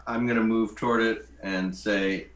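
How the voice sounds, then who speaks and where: A man talking casually and haltingly as a tabletop game player, in echoey room sound. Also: lowish voice, fairly even intonation, a bit bright.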